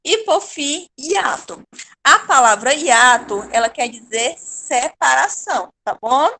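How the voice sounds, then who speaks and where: A middle-aged Brazilian woman teaches grammar to a class, her voice pitched high. She patiently repeats example words, drawing them out slowly to show how the syllables split. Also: expressive, bright, forceful tone. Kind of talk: online Portuguese grammar lesson.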